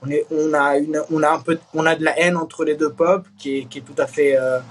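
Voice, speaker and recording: A young man with a slightly high voice talks earnestly in an interview, stumbling and restarting as he searches for words. Faint ambient noise hums behind him. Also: flat delivery. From born in East Jerusalem. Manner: halting, many restarts and fillers, earnest. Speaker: Israeli reservist interviewee. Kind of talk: candid interview talk.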